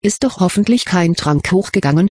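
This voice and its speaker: A cheerful, cheeky teenage boy voiced by an audiobook reader teases in a husky, breathy tone. The recording is dry and close. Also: mid-range voice, animated, a little fast, a little mellow, dry recording. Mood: teasing. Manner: cheerful, teasing. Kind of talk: audiobook reading.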